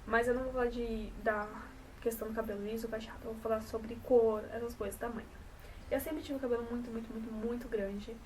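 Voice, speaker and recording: A woman's voice: fairly high pitch, fairly even intonation, fairly quick, darkish tone, far from the mic, slight background noise, low-quality recording. Chatty young Brazilian woman vlogging. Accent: São Paulo coast Brazilian Portuguese. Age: 20s. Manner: chatty, rambling, self-correcting. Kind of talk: casual to-camera vlog.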